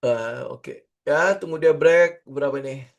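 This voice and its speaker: A man's voice: fairly high pitch, a little slow, vocal fry. A middle-aged man, teaching trading in a casual screen-share lesson, chatty and full of fillers and rhetorical questions. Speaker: trading instructor.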